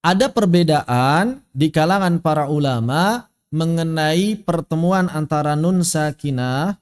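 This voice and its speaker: Man teaching recitation online, slow and careful, chants example words, long reverb on it. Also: on the high side, darkish tone, clean tone. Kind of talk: online tajwid lesson.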